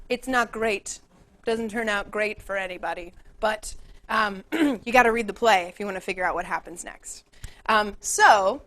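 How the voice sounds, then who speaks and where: A woman's voice: on the high side, fairly bright tone. A young adult woman hosting a live online class in an upbeat, chatty way, laughing often. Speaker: webinar host and educator.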